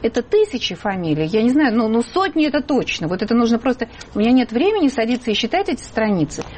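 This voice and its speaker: A woman hosting a radio and TV talk show, speaking in an animated, emphatic way. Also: on the high side, fast, slight background noise. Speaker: host.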